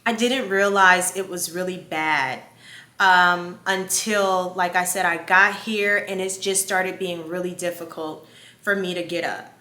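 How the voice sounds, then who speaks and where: A woman's voice: fairly low pitch, fairly even intonation, unhurried, pushed and bright, reverberant. A young woman, telling a candid story in a casual vlog, swearing freely and laughing as she talks. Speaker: vlogger.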